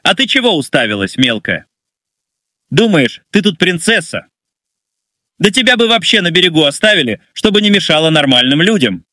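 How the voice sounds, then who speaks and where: A man's voice: fairly high pitch, big pitch swings, moderate pace, bright, forceful tone, no room sound, studio quality. A man voicing a drunk, arrogant young man who sneers and taunts the people around him. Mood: taunting. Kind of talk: audio story narration.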